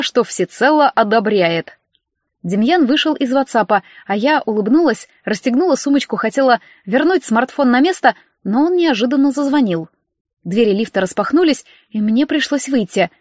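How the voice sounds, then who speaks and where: Female narrator, first-person audiobook, fairly high voice, muffled lo-fi recording. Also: no echo. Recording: dry, dull lo-fi audio.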